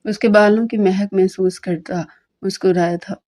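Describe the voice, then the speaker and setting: A woman narrating a romantic novel aloud in a steady storytelling manner. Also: mid-range voice.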